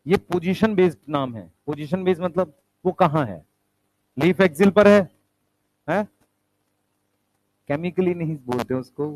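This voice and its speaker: A man's voice: fairly high pitch, darkish tone, dry recording, rough recording. A male teacher giving a classroom lecture, explaining step by step, asking the students questions and calling them beta and bhai.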